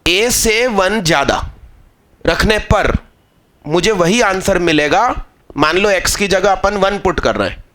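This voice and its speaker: A man's voice: sits high, lively intonation, a little slow, fairly bright tone. A male math teacher giving a live exam-prep lecture, explaining step by step and scolding students into understanding.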